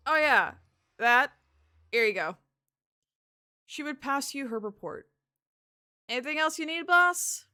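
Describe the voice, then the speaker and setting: A woman voicing a jumpy, brisk young shop clerk in a game role-play, quick, eager and a little startled. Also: high-pitched, lively intonation, pushed and bright, voice pushed up, exaggerated voice.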